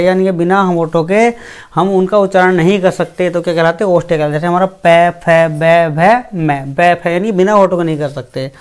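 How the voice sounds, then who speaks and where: A teacher giving a grammar lesson, who asks the class questions, answers them itself, repeats each point and slowly sounds out each letter. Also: mid-range voice, clean tone. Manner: repeats points and fills with "theek hai".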